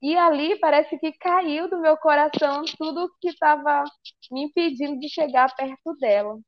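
A high-pitched Brazilian woman recounts her faith story to a listening group, slipping into the voices of the people she quotes. The sound is dry and a bit muffled, with no room echo. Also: normal speed. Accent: Brazilian Portuguese. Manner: lively storyteller who acts out quoted dialogue. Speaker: speaker giving a religious testimony. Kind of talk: personal testimony told to a live group.

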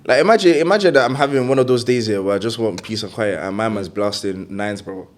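A man's voice: on the low side, fast. A young man with a London accent and roadman slang, bantering casually on a podcast. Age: young adult.

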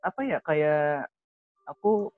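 A man's voice: on the high side, takes it slowly, no room sound. Young man, casual chat, hesitant, dull sound, dry. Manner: hesitant, searching for words. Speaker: guest.

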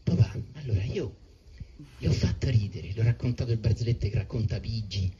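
A man voicing a naive, eager young son who excitedly tells his father his adventures. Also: lowish voice, brisk, lightly acted. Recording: muffled with steady background noise.

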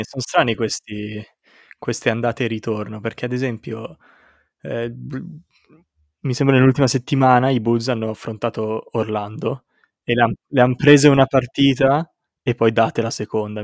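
A man chats casually about sports as a podcast panelist. His voice sits at a medium pitch, and the recording is dry with no room sound. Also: fairly even intonation, moderate pace, dry recording.

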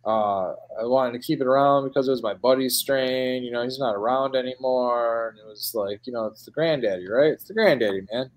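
A man's voice: medium pitch, a little fast, few pauses. Rambling Midwestern guy, casual chat. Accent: Midwestern American. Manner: rambling, filler-heavy, calls people dude and man.

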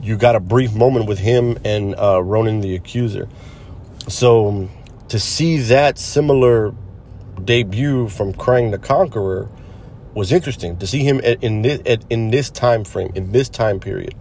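A man's voice: on the low side, unhurried. A man hosting a solo podcast, giving a casual, rambling conversational review with a showman's touch. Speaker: podcast host. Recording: loud outdoor traffic-like background noise.

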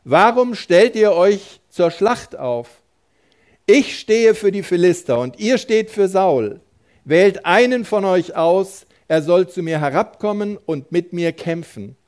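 Brief: man reading as a booming, boastful giant soldier, slow and challenging, pitched up. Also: close to an everyday voice. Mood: taunting. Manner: loud, taunting, drawn-out delivery.

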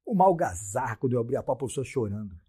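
A middle-aged Brazilian man with a husky, slightly rough voice, talking as a podcast guest. He tells his stories bluntly with plenty of street slang and jumps into his own quoted lines as he goes. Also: medium pitch, big pitch swings, rapid-fire, warm tone. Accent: Brazilian Portuguese. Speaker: podcast guest, sports science professor. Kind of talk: casual storytelling.

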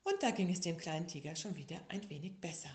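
A woman reading a children's story aloud in a slow, lively, expressive way. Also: fairly low pitch. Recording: echoey room.

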